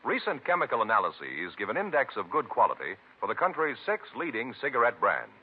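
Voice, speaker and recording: A man's voice: mid-range voice, huge pitch swings, a little fast, breathy edge. A man announcing a 1950s radio advertisement with an emphatic, scripted sales delivery. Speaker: commercial announcer. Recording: tinny vintage radio recording.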